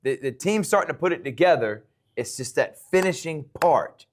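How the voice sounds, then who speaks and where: A man's voice: on the high side, expressive, moderate pace. Chatty American male sports show host. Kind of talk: local sports coaches show interview.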